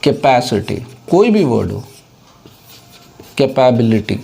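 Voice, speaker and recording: A man's voice: medium pitch, sing-song, takes it slowly, vocal fry, warm tone, soft background music. A man giving a casual whiteboard lesson on English words, explaining steadily and mixing English terms into Hindi, with an Indian English accent. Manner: explanatory, mixes English into Hindi, asks for understanding. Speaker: English teacher.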